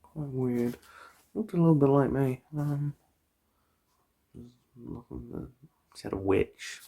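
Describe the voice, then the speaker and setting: Breathy and husky, a medium-pitched voice with lively intonation murmurs and frequently whispers through an unhurried eye-exam roleplay. The soft-spoken ASMR performer keeps up a chatty, polite clinical patter.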